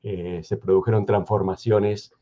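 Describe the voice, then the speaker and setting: Argentine guy on a radio talk show, measured, lots of restarts, kinda muffled audio. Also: on the low side, little pitch movement, mellow. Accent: Argentine Spanish. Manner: measured, hesitant, many restarts. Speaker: guest historian. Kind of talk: thoughtful radio conversation.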